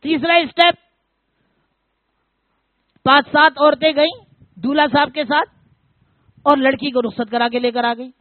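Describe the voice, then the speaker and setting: A man's voice: very high-pitched, steady tone, pauses often, dry recording. Guy preaching, cracks jokes and tells stories, sounds thin like a phone line, dry. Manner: joking, storytelling, keeps addressing listeners as brother. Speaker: preacher who performs weddings. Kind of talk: humorous sermon with anecdotes.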